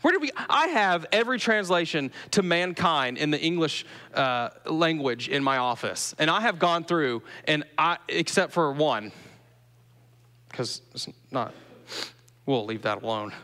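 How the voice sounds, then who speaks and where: A male pastor with a Southern US accent and a high, pushed, bright voice gives a conversational sermon in a church sanctuary, asking his congregation questions along the way. The church hall's long reverb surrounds him.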